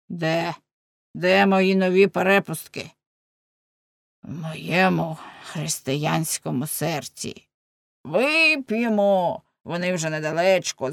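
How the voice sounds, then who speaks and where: A man playing a gravelly drunken innkeeper. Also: high-pitched, no room sound, studio quality, full character voice. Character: drunken boastful male innkeeper, rambling. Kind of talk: audiobook drama acting.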